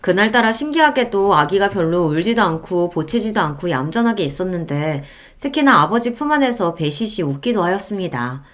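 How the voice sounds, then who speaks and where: Woman reading a story slow and even, calm narrator voice. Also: medium pitch. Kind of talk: scripted first-person story narration.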